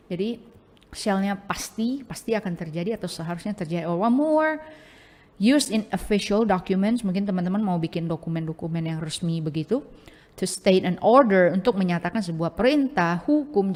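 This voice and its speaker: A woman with an Indonesian accent teaching English grammar in a casual, chatty way, sprinkling English into her explanations with many fillers like oke and ya. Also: medium pitch. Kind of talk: casual bilingual grammar lesson. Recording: long hall-like reverb.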